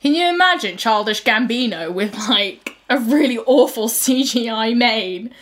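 Lively, giggly woman podcast host. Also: fairly high pitch, a little slow. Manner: giggly, chatty, explains the show's format. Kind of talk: casual podcast chat. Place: a friend's house.

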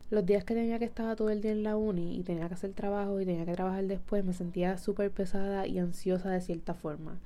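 A woman's voice: mid-range voice, mellow. A young adult woman talks casually as a podcast host, mixing English words and phrases into her in an informal Spanglish. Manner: informal, conversational, with slangy asides. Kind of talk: casual solo podcast talk.

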